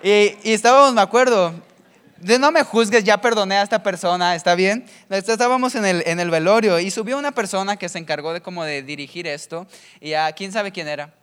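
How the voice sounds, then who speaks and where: A man preaches, chatty and casual. He keeps checking in with the listener, and his voice sits high for a man. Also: brisk, a bit bright, clear, resonant tone. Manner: chatty, keeps asking ¿verdad?. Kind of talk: sermon with humorous anecdotes.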